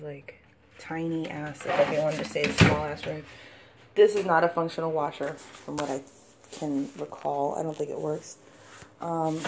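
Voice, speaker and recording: A woman's voice: fairly low pitch, noisy background. A young woman vlogger giving a casual walking tour of her apartment, rambling with lots of "like" fillers, filmed on a handheld phone. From Washington DC area. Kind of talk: casual house tour vlog. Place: apartment indoors, walking room to room. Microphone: handheld phone camera.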